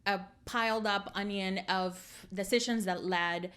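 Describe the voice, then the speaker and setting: A woman's voice: mid-range voice, fairly even intonation, fairly bright tone. Reflective woman from El Salvador. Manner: reflective, halting with fillers. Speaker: guest therapist. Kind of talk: casual interview storytelling.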